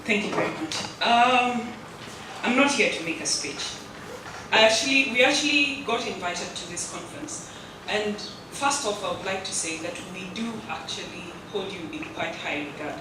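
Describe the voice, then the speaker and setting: Kenyan delegate, formal diplomatic remarks, mid pitch, heard from afar in a reverberant room. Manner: measured and diplomatic. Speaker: government delegate. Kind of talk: formal address. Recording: echoey hall, distant mic, noise.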